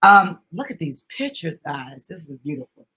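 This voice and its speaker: A middle-aged woman with a low, husky voice animatedly reads a children's book aloud, then breaks off to explain it. Speaking at normal speed with big pitch swings and a sharp tone, she encourages and instructs young listeners and their parents.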